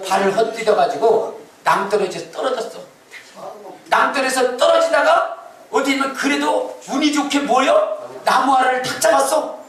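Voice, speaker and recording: A male pastor delivers an animated sermon, swinging his voice high and low as he teases the congregation and acts out the voices in his stories. His voice rings through a large, echoey church sanctuary, caught from some distance. It sits fairly high for a man. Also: normal speed. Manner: animated, teasing the congregation with questions and mock voices. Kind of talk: lively Sunday sermon with acted-out quotes.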